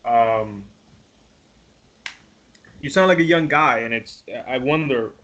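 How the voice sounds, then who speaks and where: A man's voice: medium pitch, slow pace, a bit bright. A man in his late thirties asking questions on a podcast in a laid-back way, peppering his talk with "man" and "like". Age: late 30s. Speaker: interviewer. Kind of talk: casual podcast conversation. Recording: dull lo-fi audio.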